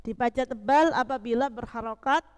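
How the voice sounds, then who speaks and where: A woman's voice: on the high side, fairly quick, clean tone. A woman teaching recitation rules, patiently explaining and often breaking off to repeat a word. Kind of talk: tajwid lesson.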